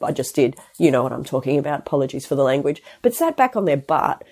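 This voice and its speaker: A woman with a stuffy head cold hosts her own podcast, a podcast host and health practitioner talking casually and solo in a chatty, rambling way full of restarts and asides. Her voice is a rumbling low, very animated and fast, with a darkish tone.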